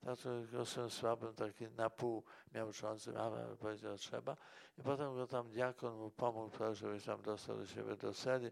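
A man's voice: on the low side, level tone, normal speed, gravelly. A man, a monk and priest, answering interview questions in a rambling way and often tagging his remarks with a questioning "right?". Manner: rambling, tags remarks with "prawda?".

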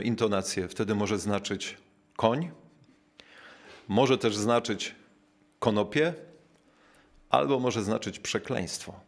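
A man preaching a reflective sermon, measured and unhurried, slowing down to stress key words and pausing with small filler sounds as he searches for his thought. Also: medium pitch.

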